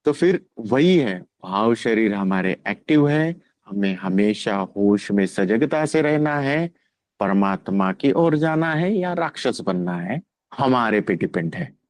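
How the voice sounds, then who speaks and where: Calm halting man giving a spiritual talk. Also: lowish voice, no echo. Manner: calm, halting, mixes English words into speech. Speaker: spiritual teacher.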